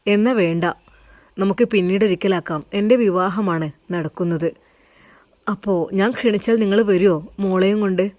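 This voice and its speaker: A woman voicing a kind young man who speaks gently and soothingly in a told story. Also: medium pitch, steady tone, moderate pace, dry recording, natural voice. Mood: gentle.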